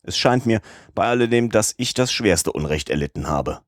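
An eager, worried young manservant, as a male narrator reads him in a storybook. He fusses and frets about his master's safety. The voice is deep and the sound is close and dry. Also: expressive, moderate pace, no room sound, lightly acted.

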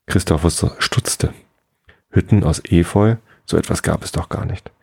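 Deep, gravelly bedtime storyteller man. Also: darkish tone, no room sound, studio quality. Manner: slow, soothing. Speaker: bedtime podcast host. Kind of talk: calm bedtime story reading.

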